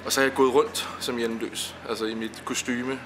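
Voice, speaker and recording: A man's voice: medium pitch, level tone. Thoughtful male actor, noisy background. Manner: thoughtful, with hesitant fillers. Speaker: actor interviewed about his role. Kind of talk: reflective interview talk.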